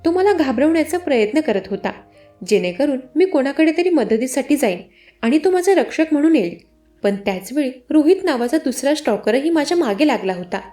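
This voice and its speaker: A woman's voice: sits high, very animated, fairly quick, dark tone. A woman narrating a suspenseful first-person story in a dramatic storyteller's manner. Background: faint music.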